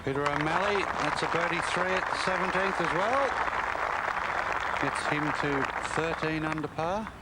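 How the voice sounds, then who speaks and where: Male golf commentator, slightly high-pitched, reactive to every shot, on a very noisy outdoor broadcast. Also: normal speed. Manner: reacts aloud to each shot, urging the ball on. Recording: noisy outdoor broadcast with loud crowd behind. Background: loud golf crowd and outdoor ambience.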